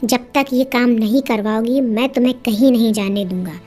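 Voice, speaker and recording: A woman's voice: a little high, normal speed, a little mellow, soft background music, lightly acted. A woman voicing a cruel, greedy young husband who speaks in a harsh, menacing way while telling a story. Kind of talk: storytelling with acted dialogue.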